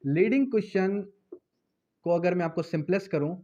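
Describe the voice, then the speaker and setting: This Pakistani-accented law teacher has a high-pitched, warm voice and moves at a moderate pace, though the recording's highs are cut off. His explanatory lecture blends Hindi-Urdu with English legal vocabulary. In a didactic, repetitive way, he drills key terms and raises questions only to answer them.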